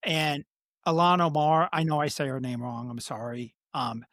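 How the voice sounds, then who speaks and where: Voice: mid-range voice, normal speed, fairly bright tone, no echo, studio quality. A podcast host with a speech impediment that turns R sounds toward W, talking politics casually in a blunt, profane way. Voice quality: speech impediment, cannot pronounce R sounds, says W for R.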